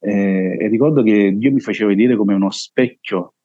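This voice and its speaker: A man with a Neapolitan accent and a heavy, full voice gives a halting personal testimony as an interview guest. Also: lowish voice, no echo, muffled recording.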